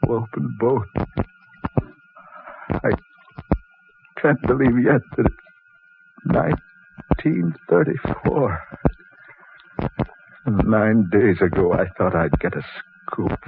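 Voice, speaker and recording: Anxious reporter, tinny AM radio drama. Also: male voice, on the low side, slow pace, creaky, pauses often. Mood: weary, haunted. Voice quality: thin AM radio sound. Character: intense, anxious male reporter adrift at sea, insistent. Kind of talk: old-time radio drama acting. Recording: tinny, noisy old AM radio recording.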